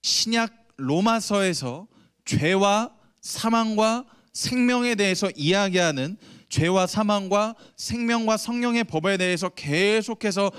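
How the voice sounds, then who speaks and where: A youth pastor in his thirties delivers a sermon to middle schoolers in a church, moving between scripture and stories from home. His voice sits a little high for a man and is recorded dry and close, with no room echo. He talks in an animated way and keeps turning questions back to the listeners. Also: clear, resonant tone. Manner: animated storytelling, asks the audience questions. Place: church sanctuary.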